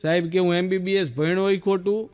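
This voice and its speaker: A man with a Gujarati accent telling stand-up jokes, storytelling and acting out quick dialogue. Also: high-pitched, fairly even intonation, very noisy. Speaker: stand-up comedian.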